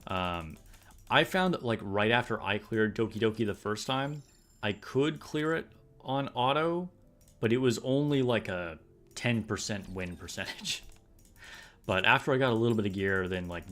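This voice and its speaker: This streamer's voice is fairly low but expressive and rather bright, delivered at a moderate pace. He's playing a game live and chatting informally with viewers, rambling comfortably and leaning on fillers.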